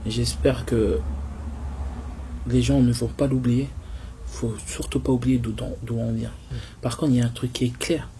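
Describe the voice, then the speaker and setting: A man's voice: medium pitch, fairly even intonation, a little slow, pauses often, warm tone. Emphatic man from Senegal, noisy room. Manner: emphatic, assertive, rises in force. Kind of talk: casual panel discussion.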